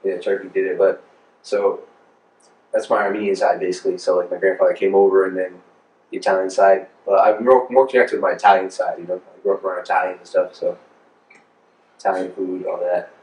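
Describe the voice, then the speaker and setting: A man's voice: low-pitched, level tone, brisk, darkish tone, far from the mic. An American man in his thirties chatting casually in an interview as a music producer, informal, slangy and rambling. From Rhode Island, United States. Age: 30s. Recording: roomy, echoing, off the mic.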